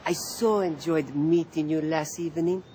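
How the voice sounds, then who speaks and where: A man's voice: fairly high pitch, fairly even intonation, moderate pace, warm tone, a little hiss or hum, close to an everyday voice. An actor playing a bumbling young Italian man in a comedy film, with a hammy fake Italian accent. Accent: put-on Italian. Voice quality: bad exaggerated accent. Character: goofy male Italian restaurant son, bumbling.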